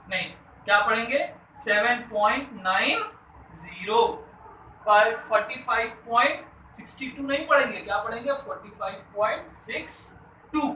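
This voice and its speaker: A man's voice: sits high, bright, forceful tone. A man teaching a school math lesson, asking the class questions and answering them himself, mixing English math terms into his talk. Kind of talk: classroom lesson explaining to students. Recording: echoey room, voice a bit distant from the mic, faint background noise.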